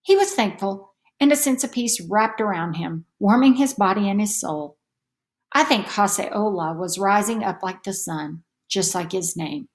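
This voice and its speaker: A woman with a mid-range voice reads a children's story aloud, storybook-style, in an expressive and deliberate manner.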